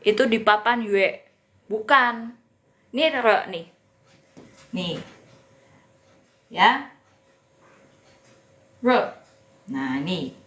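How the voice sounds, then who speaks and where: A woman's voice: medium pitch, sing-song, takes it slowly, pauses often, fairly bright tone, reverberant. A woman teaching Mandarin in a live online lesson, chatty and often repeating pronunciations for her viewers.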